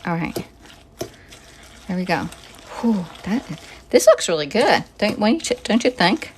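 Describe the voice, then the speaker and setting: With big pitch swings in her medium-pitched voice, the Northeast Pennsylvania woman hosts an unhurried, casual live cooking stream from her home kitchen. She chats and greets viewers by name, slightly out of breath, and the phone-camera audio carries a little hiss or hum.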